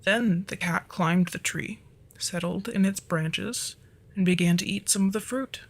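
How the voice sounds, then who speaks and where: Speaking in a soft, breathy way that frequently turns to whispers, a performer of indeterminate sex plays a flirtatious dragon narrator who is quick to get flustered, in ASMR roleplay. The pitch sits in the middle, the pace is unhurried, and there's some vocal fry, all in a gentle storytelling mood.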